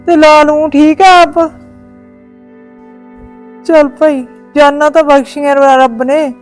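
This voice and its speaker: Actress as an older village mother-in-law, Malwai Punjabi accent, fretful and kind, slightly high voice. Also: little pitch movement, takes it slowly, soft background music. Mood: consoling. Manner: grieving, consoling, proverb-quoting. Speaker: actor in a village short film. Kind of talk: village family drama.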